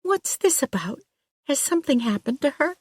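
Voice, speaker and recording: A woman reading a nervous, flustered young female hairstylist in an audiobook, pitched high and hesitant. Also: very animated, moderate pace, darkish tone, no echo, clean studio sound.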